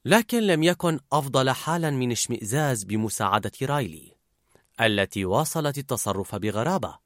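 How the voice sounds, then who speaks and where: A man narrating a story in an expressive, animated way. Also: medium pitch, a little fast, no room sound, clean studio sound.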